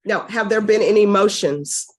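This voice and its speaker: A woman judge running formal courtroom proceedings in a brisk, firm, stern manner, heard in a courtroom recording. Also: medium pitch.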